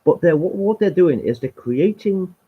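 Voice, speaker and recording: Male streamer ranting on a live stream, husky and animated, heated and sweary, on a muffled lo-fi recording. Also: sits high, moderate pace.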